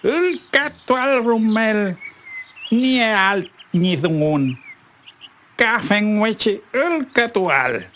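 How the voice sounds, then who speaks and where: Storyteller doing a male fox, sly, yearning, slow croon, swooping pitch, storybook tale. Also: expressive, fairly bright tone, a little hiss or hum. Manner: drawn-out, slow, crooning delivery. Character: sly lovelorn male fox who envies birdsong.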